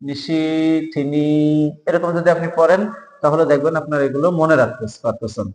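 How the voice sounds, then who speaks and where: Man spelling words out slowly, echoey. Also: on the high side. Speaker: spelling teacher. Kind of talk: spelling lesson for job exams. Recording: echoey room with long reverb.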